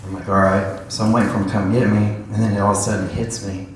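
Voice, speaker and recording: A man telling his testimony in church, animated, acting out the dialogue as he tells his story. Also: fairly low pitch, fast, slight background noise. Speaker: church member giving a testimony. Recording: echoey church hall, voice heard from a distance.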